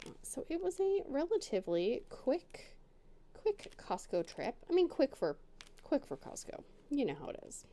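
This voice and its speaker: Her voice is high and dark, swooping wildly in pitch at a normal speed. This middle-aged crafting channel host rambles chattily at her dining room table while she crafts, full of self-deprecating humor.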